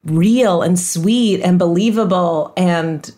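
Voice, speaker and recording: A woman co-hosts a casual rewatch podcast. She gushes with enthusiasm and offers quick fun facts. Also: on the low side, mellow, a little hiss or hum. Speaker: podcast co-host.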